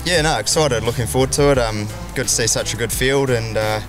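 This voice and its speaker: Broad Kiwi man over loud music. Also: mid-range voice, a little fast. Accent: broad New Zealand. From New Zealand. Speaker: speedway driver being interviewed. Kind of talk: casual trackside interview. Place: outdoors at a speedway track. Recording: outdoor trackside, music and vehicles behind.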